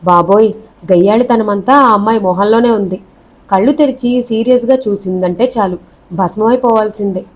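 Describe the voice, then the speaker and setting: A woman narrating a novel aloud with expressive storytelling. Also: medium pitch, normal speed, rough recording.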